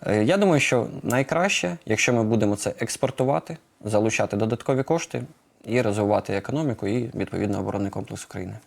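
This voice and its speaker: A man's voice: lowish voice, fast, creaky. A man answering questions as a studio guest in a live interview, hesitant with many filler sounds. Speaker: production head of a drone maker, guest.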